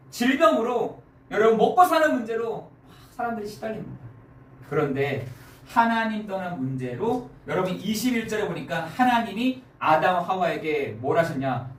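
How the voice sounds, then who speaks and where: A man's voice: high voice, fairly bright tone. A male pastor preaching a sermon in a church, speaking with emphasis and putting repeated questions to the congregation. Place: church sanctuary. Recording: echoey church sound, distant mic, faint noise.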